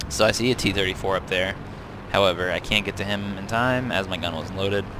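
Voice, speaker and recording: A young man with a low, steady voice comments casually and a little fast over replays of his own tank battles, with loud tank game sounds and noise behind him. As a game reviewer he's chatty, corrects himself, and says um often.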